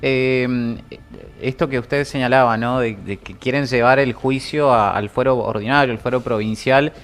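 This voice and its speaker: A man's voice: medium pitch, normal speed. A man conducting an interview, asking questions and interjecting with short affirmations.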